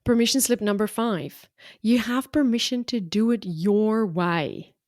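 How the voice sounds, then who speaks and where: A middle-aged South African woman whose accent blends South African and Australian hosts a solo motivational podcast for business owners. As a business coach, she's frank and encouraging, using punchy short phrases in an unhurried, medium-pitched, slightly mellow voice. The recording is dry, with clean studio sound.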